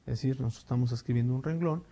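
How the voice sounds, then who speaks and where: A male teacher explaining punctuation rules, reading example sentences slowly with emphasis and checking in with the class. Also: medium pitch, warm tone. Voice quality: clears throat now and then. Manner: explanatory, with frequent fillers and checking "¿sí?". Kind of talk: recorded spelling and punctuation lesson.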